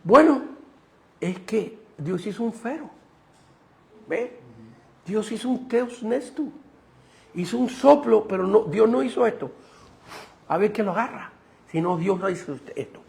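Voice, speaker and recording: A man's voice: high voice, expressive, unhurried, creaky, long pauses. A middle-aged man, preaching a Bible class to a congregation and often asking them questions. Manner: teaching preacher, asks the audience questions. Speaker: pastor. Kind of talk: sermon teaching class.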